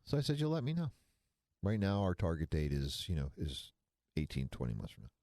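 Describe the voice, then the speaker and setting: Very low-voiced folksy man in his sixties. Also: wildly swooping pitch, brisk, mellow, dry recording, clean studio sound. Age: 60s. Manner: chatty, folksy, rambling with asides. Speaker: financial radio show co-host. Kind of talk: casual talk radio chat.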